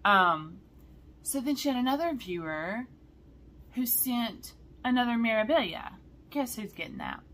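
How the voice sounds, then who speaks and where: A woman's voice: fairly high pitch, unhurried, a little hiss or hum. Chatty woman vlogging. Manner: chatty and excitable, often says y'all. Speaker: cross-stitch vlogger. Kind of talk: casual chat to viewers.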